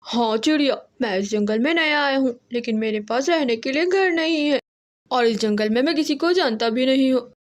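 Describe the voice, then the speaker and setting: A woman's voice: sits high, moderate pace, lightly acted. A woman voicing a sly, scheming male hawk who gloats with a ho-ho laugh in a cartoon story. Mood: pleading.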